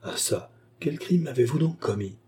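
Brief: man playing an indulgent, bewildered baron, dark husky voice. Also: medium pitch, lively intonation, moderate pace, voice pushed up. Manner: bewildered, exclaiming.

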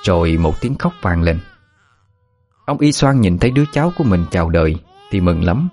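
A man narrating a dramatic folk story in a steady, measured way. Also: low voice, soft background music.

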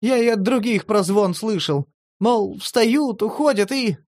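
A man voicing a touchy, tearful homeless male addict in a horror audiobook, talking in a shrill, agitated, pleading way. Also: a little slow, a little mellow, dry recording, clean studio sound. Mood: brusque. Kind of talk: audiobook character voice.

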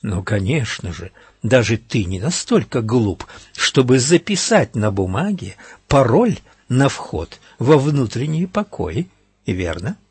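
A man doing a hoarse, hushed gang boss. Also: medium pitch, very animated, slow, exaggerated voice. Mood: mocking. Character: menacing adult male gang leader, quietly cruel.

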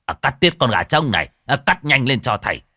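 A man voicing a gruff, bossy old village sorcerer who barks orders loudly. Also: medium pitch, big pitch swings, a little fast, dry recording, clean studio sound, voice pushed up. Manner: loud, barking orders.

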